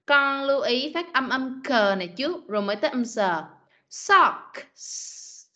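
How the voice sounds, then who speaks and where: A woman's voice: high-pitched, expressive, brisk, fairly bright tone. A woman teaching an online English class to children, patiently drilling words and correcting their pronunciation. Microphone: video call.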